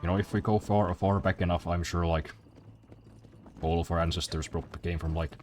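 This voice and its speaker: A man's voice: sits low, fairly even intonation, fairly quick, darkish tone, slight background noise. A man streaming a video game and chatting casually, rambling with many repeats and fillers. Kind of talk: casual gaming commentary.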